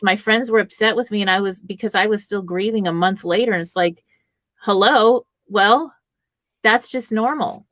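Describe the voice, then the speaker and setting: A woman's voice: mid-range voice, fairly bright tone, no echo. A woman hosting a radio talk show, chatting with a guest and backing up what he says. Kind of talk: conversational radio interview.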